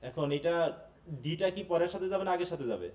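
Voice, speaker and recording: A male teacher from Bangladesh lectures in a live online class, his voice sitting back from the mic. He walks through each point patiently, slips English terms into his talk and often pauses to ask whether everyone is following. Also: on the high side, lively intonation, darkish tone, distant mic. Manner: explanatory, often checks understanding with tag questions; mixes in English terms and phrases.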